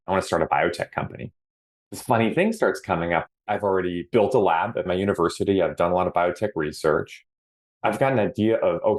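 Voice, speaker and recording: Low-voiced man, thoughtful interview guest. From Hawaii. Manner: earnest and reflective, often slows down to stress words. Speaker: podcast guest. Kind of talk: casual interview answers.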